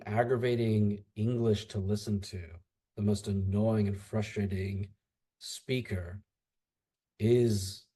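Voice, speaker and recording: A man's voice: on the low side, dark tone, husky. A man who teaches English, a guest in a casual podcast chat, rambling and antsy as he talks. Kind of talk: casual conversation.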